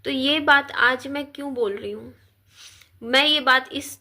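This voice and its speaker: A woman in her thirties speaks in a high, bright voice, but she is unwell and talks slowly and softly, as if worn out. It is a personal vlog recorded on a phone, addressed straight to her viewers. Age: 30s. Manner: slow, subdued, tired delivery. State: unwell and weak. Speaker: vlogger. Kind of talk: personal talk to camera.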